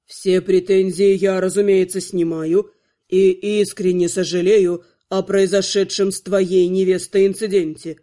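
A woman voicing a charming, suave male archvampire ruler who speaks smoothly and with mocking politeness, in an audiobook. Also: medium pitch, flat delivery, measured pace, mellow, voice pushed down, natural voice.

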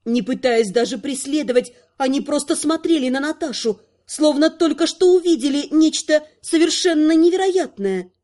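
High-voiced woman reading a story. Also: moderate pace, hardly any pauses, warm tone. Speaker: narrator. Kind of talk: scripted narration of a fantasy story.

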